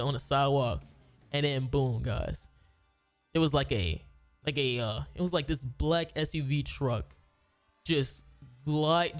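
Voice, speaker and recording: A man who makes gaming videos tells a long story casually, rambling with slang and restarting his sentences. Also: on the high side.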